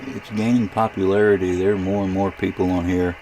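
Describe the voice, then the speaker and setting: A radio hobbyist casually narrates a software demo, thinking aloud in a hesitant, rambling way. His gravelly, low voice keeps a level tone and moves fairly quickly. The recording is low quality, with a little hiss or hum.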